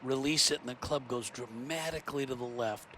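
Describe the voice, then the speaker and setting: A man's voice: medium pitch, fairly quick, a bit bright, a little hiss or hum. A man giving live golf commentary, explaining technique in a conversational analyst's way. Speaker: golf commentator, former player.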